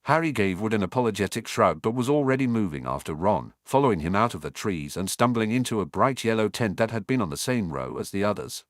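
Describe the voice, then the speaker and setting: Male audiobook narrator, low and lively, dry close sound. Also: fast, few pauses, no room sound. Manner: expressive storytelling. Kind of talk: fan fiction audiobook narration.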